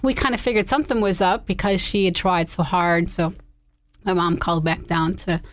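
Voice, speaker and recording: A woman's voice: lowish voice, steady tone, normal speed, no echo, studio quality. A middle-aged woman, a sister, recalling family events plainly in a documentary interview. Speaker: sister of the exonerated man.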